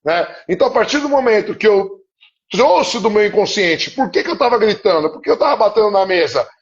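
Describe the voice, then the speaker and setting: A man's voice: high-pitched, expressive, a little fast. A man, a psychoanalyst guest, telling a personal story in an earnest, confessional way. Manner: earnest, confessional, often asks "entende?". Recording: muffled live-stream audio.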